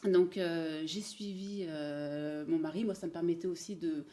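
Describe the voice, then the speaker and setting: A Paris-born woman in her forties who manages a bridal showroom tells her career story as a guest in a casual interview. Her voice is on the low side, steady, mellow and unhurried. She hesitates a lot, pausing often and using many fillers.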